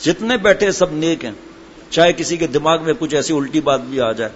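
Chatty preacher, higher-pitched man. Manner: conversational storytelling, chatty asides. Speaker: religious preacher. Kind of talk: sermon with humorous anecdotes. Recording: dull lo-fi with faint background noise.

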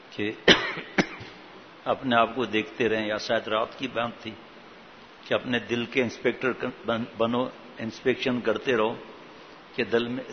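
A man giving an informal religious talk in a conversational way, with rhetorical questions and frequent restarts. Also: mid-range voice. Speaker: religious preacher. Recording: dull lo-fi recording with faint hiss.

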